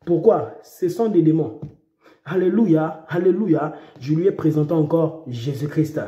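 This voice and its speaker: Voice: medium pitch, a little slow, mellow, roomy sound, dull audio. A preacher delivering an impassioned sermon, repeating phrases and breaking into dramatic cries.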